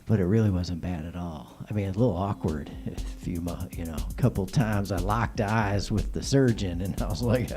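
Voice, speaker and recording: A man's voice: sits low, normal speed, few pauses, music in the background. A man with a whistling s hosting a call-in show, giving opinionated, joking monologues addressed straight to listeners. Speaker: talk show host.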